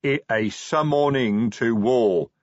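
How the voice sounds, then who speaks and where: A man voicing a big male troll sergeant who talks slowly and patiently, with broken grammar. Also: mid-range voice, dry recording, lightly acted. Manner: slow, patient, plodding, ungrammatical. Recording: dry, slightly dull audiobook sound.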